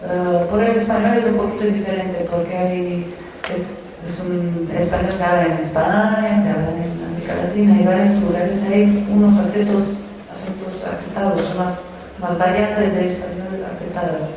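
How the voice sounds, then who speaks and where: A woman's voice: on the low side, fairly even intonation, normal speed. A woman whose first language is Romanian, a conference interpreter speaking as guest at a university talk, explaining at length with restarts and tag questions. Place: university lecture hall. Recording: very echoey hall, distant, faint noise.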